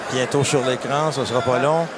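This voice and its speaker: A man's voice: mid-range voice, steady tone, moderate pace. Hesitant male commentator over roaring crowd. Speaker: broadcast commentator. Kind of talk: casual live sports commentary. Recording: very loud crowd noise behind. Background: roaring arena crowd.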